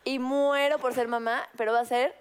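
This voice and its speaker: A woman's voice: high-pitched, little pitch movement, moderate pace, clear, resonant tone. A Mexican woman in her thirties, a guest actress telling stories in upbeat, emphatic casual talk show chat.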